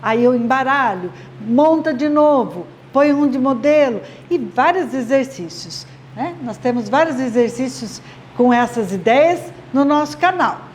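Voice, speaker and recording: Woman teacher, high-pitched, slow and patient, addressing parents over a faint noise floor. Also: lively intonation. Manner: patient, explains slowly with rhetorical checks. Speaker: literacy teacher. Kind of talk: instructional video talk to parents.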